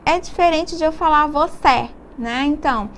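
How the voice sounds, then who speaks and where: A woman's voice: high-pitched, moderate pace, a little hiss or hum. A woman with a Brazilian Portuguese accent teaching a recorded distance-learning lesson, explaining patiently step by step and often checking in with her students.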